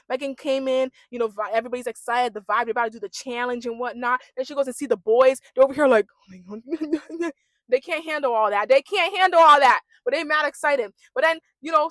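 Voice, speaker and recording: A young woman rants in a chatty, slangy way, her voice a little higher than most. The sound is close and dry, with no room around it. She hosts her own recap vlog. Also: fairly bright tone, no room sound. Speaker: reality TV recap vlogger. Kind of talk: casual rant.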